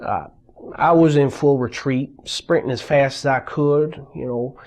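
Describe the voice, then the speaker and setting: A man interviewed in a mock documentary, telling his war story in an earnest, halting way. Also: mid-range voice, darkish tone.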